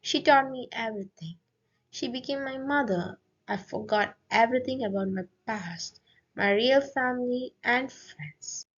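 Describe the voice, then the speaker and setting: Young girl apprentice in a storybook, soft and apologetic , read plainly by a woman, slow delivery, lo-fi sound. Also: a little high. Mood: regretful. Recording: dull lo-fi audio.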